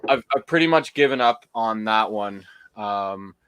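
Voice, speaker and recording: A man's voice: fairly low pitch, animated, unhurried, a bit bright, clear, resonant tone, dry recording. A man hosting a casual whiskey-tasting livestream chat, rambling with lots of fillers and restarts.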